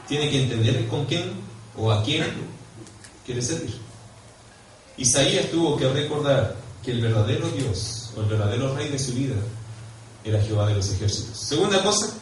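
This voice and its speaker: A man with a Chilean accent preaching a sermon as pastor, animated, swinging from quiet to loud and emphatic, and putting questions to the congregation. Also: medium pitch, normal speed, slight background noise. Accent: Chilean Spanish. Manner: questions and prompts the congregation directly. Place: church hall. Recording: echoey church hall, mic far off.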